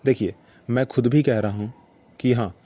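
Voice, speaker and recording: A man's voice: medium pitch, steady tone, moderate pace, dark tone. A man hosting his own podcast, talking through a story in a casual, reflective monologue and often checking in with short tags like "okay" and "right". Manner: reflective, repeats points with "ठीक है" and "ना". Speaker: podcast host.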